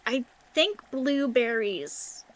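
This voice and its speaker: A woman with a high voice chats as a livestreamer. Her delivery is cute in an anime-streamer way, and she rambles casually and informally to the people watching. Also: animated, drawn-out words. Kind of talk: casual rambling chat with viewers.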